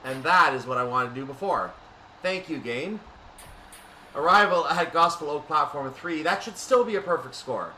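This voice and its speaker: This gaming video host plays a train simulator while speaking at an ordinary pace, narrating unscripted and thinking through each step for viewers. The mic sits far away, giving an off-mic, roomy quality over a persistent hum and rumble.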